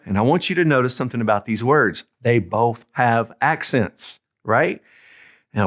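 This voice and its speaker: A man gives a relaxed Spanish lesson at a mid pitch. He talks to the learner directly and keeps asking "okay?" He slows down to say each Spanish example carefully. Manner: casual teaching, frequent "okay?" check-ins; speaks Spanish example phrases slowly and clearly. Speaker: Spanish tutor. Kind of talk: explaining Spanish grammar to learners.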